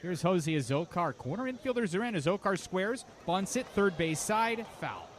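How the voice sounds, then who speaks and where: A man announces a baseball game play by play on live radio, giving a detailed account of the action. His high voice is animated and moves at normal speed, with clear outdoor ballpark ambience in the background.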